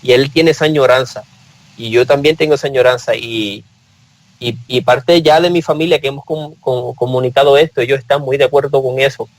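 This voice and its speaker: A man's voice: medium pitch, fairly even intonation, a little fast, no echo, rough recording. Earnest Puerto Rican man, dry sound. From Puerto Rico. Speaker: panel guest. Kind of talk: casual panel discussion.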